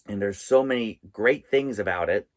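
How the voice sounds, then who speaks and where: A man hosting a vlog from inside a small RV trailer, presenting in a halting way with pauses mid-sentence. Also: on the low side. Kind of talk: vlog presenting, tips and top-five countdown.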